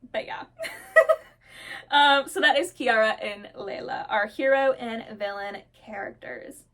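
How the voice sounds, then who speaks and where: A woman vlogger sits in front of her camera and rambles happily about her characters, gushing and rushing her words. Her voice sits a little high. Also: a bit bright. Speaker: storyteller vlogger. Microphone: camera mic, seated on camera.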